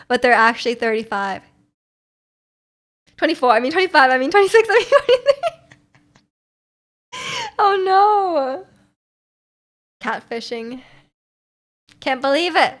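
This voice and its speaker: On her stream, a woman in her twenties reads viewer messages and answers them in a loose, chatty way, tossing in playful asides and laughing easily and often. Her voice sits high and a bit bright, with lively intonation. She speaks a little slowly and pauses often.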